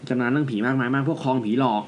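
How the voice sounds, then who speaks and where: A man's voice: medium pitch, a little mellow, a little hiss or hum. A man co-hosting a casual podcast, telling ghost stories in a loose, slangy way. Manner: fast, loose storytelling with crude slang. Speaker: podcast co-host. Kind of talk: casual ghost-story chat.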